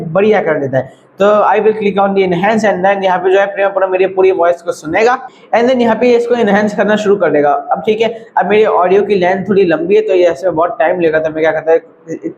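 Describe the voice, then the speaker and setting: A man's voice: sits high, a little mellow, muffled recording, a little hiss or hum. A man teaching audio editing in a casual screen-recorded tutorial, chatty and repetitive. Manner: chatty, repeats "thik hai" and "bhai".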